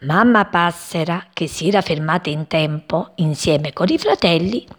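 A woman reading a children's story aloud in an expressive, lilting way. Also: fairly low pitch, moderate pace.

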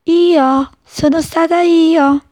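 A woman's voice: fairly even intonation, extremely slow, no echo, exaggerated voice. Woman voicing Margherì, a shy little daisy. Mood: timid. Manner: soft, timid and high. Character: shy little female daisy flower, lonely and gentle.

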